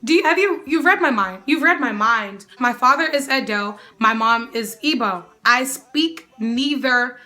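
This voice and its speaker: Lively and sassy, a young adult woman from the United States answers viewer questions on camera for a casual Q&A vlog, often calling the viewer "girl." She keeps a measured pace with hardly any pauses, and her animated voice is bright, ringing and a little high.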